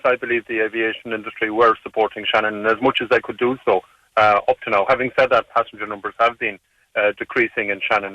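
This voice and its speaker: A man giving measured, earnest commentary as a radio interview guest over a phone line. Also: lowish voice, sharp tone, no room sound, distant mic. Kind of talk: current affairs commentary.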